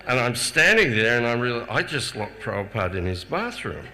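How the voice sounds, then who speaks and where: An older man telling personal anecdotes to a festival audience, chuckling often and stumbling over repeated words when he gets excited. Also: mid-range voice, brisk. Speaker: speaker sharing personal memories. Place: festival hall before a live audience. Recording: reverberant hall with faint ambient noise.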